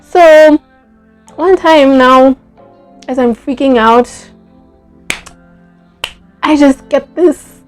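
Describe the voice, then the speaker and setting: A young woman, telling a personal story in a casual, animated vlog, full of fillers like "like" and "yo". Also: high-pitched, extremely slow, pauses often, faint music behind. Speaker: vlogger.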